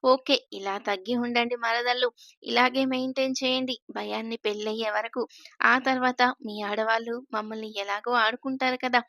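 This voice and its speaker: A woman's voice: fairly high pitch, fairly even intonation, moderate pace, gravelly, bright, forceful tone, no room sound, studio quality. Woman reading as a teasing young man. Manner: mischievous, joking. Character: teasing playful young man, the heroine's suitor.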